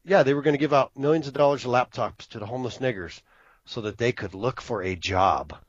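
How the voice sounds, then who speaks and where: A man's voice: mid-range voice, a little fast, dry recording. Wisecracking man in his fifties, muffled. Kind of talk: casual chat.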